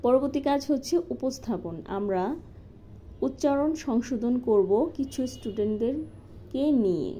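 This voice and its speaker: A woman calmly walking through a lesson plan step by step, as a teacher-training instructor. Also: fairly high pitch, unhurried. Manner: methodical, step-by-step with occasional fillers. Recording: slightly dull lo-fi recording with faint noise.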